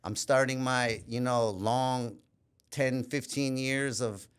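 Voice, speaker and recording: In a casual life-story interview, a Minneapolis man speaks as a podcast guest, open and reflective, often tacking on "you know." His medium-pitched voice is clear and resonant with fairly even intonation, and he pauses and restarts mid-thought.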